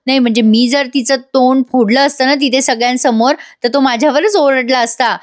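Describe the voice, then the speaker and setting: A woman's voice: sits high, fairly even intonation, fairly quick, dry recording, studio quality, lightly acted. A woman voicing a hot-tempered mother who snaps back in anger. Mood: angry. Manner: angry, snapping.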